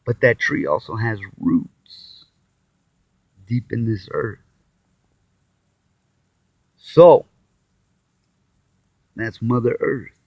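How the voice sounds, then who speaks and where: With a mid-range, gravelly, husky voice, a tired man talks animatedly about the Bible, drawing out words and pausing often. This self-taught commentator meanders, sighing, restarting and acting out quotes, on dry, dull, muffled lo-fi audio.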